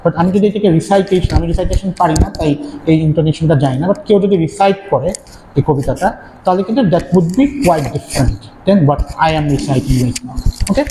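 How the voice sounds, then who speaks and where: A man's voice: on the high side, normal speed. A male university lecturer giving a classroom lecture, switching between Bengali and English and checking in with frequent tag questions. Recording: echoey hall, faint ambient noise.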